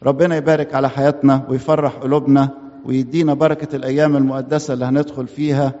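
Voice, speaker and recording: A man preaching a sermon in an Egyptian Arabic accent, asking rhetorical questions and answering them himself, and quoting scripture slowly and with emphasis. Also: medium pitch, flat delivery, warm tone, long reverb tail, lo-fi sound.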